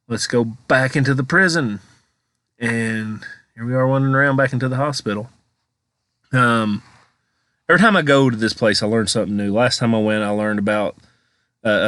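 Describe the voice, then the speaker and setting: A man's voice: on the low side, fairly bright tone, dry recording. An American man giving a casual, chatty voice-over as a vlogger, rambling informally as he comments on exploration footage.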